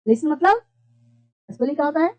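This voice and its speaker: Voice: high voice, animated, fairly quick, a little mellow. A teacher giving a classroom-style lesson who keeps repeating points and asks and answers their own questions. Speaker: English teacher. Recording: dull lo-fi recording.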